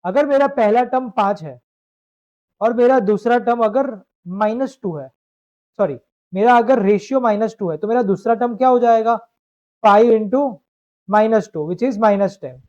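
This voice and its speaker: High-voiced man teaching math. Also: unhurried, a little mellow. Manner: explains step by step, asks students to confirm. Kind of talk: live online lecture. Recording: dull lo-fi stream audio.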